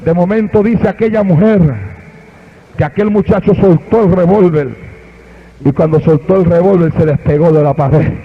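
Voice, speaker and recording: A man's voice: high-pitched, moderate pace, breathy edge. A man preaching a fervent Pentecostal sermon in a church, telling a story and calling out to the congregation. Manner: fervent storytelling, calls and tongues. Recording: dull old sermon recording.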